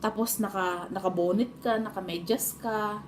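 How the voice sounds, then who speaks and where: This is a casual live stream chat where a woman with a Filipino accent recounts family stories to viewers, laughing frequently. Her medium-pitched voice has fairly even intonation and normal speed, and a little hiss or hum runs underneath.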